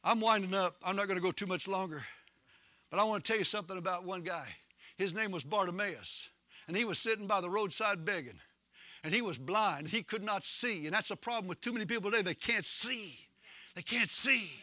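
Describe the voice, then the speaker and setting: Preacher guy, real high bright voice, dry sound, gets loud and sing-songy. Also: brisk, no room sound. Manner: impassioned, shouting at peaks. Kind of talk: sermon.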